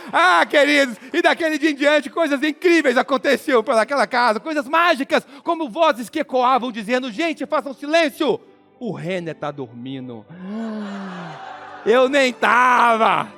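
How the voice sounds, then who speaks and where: A young Brazilian man with a Brazilian Portuguese accent, giving a motivational speech and acting out his own story, swinging from hushed to shouting. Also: extremely high pitch. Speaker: motivational speaker.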